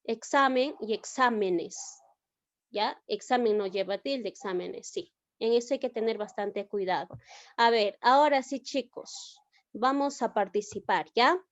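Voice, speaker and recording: A woman's voice: a little high, measured pace, dry recording, muffled recording. A woman teacher giving an online class, explaining step by step and often checking with the students. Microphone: video call.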